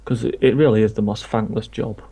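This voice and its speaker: A man's voice: lowish voice, steady tone, fairly quick, vocal fry, mellow, slightly rough. A man from England chatting casually about football while streaming a game, rambling from point to point. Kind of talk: casual chat while gaming.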